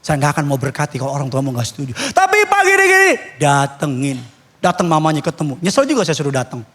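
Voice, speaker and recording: A man preaching a sermon as pastor, animated, acting out dialogues and mixing in English. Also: mid-range voice, fast talker, slightly rough.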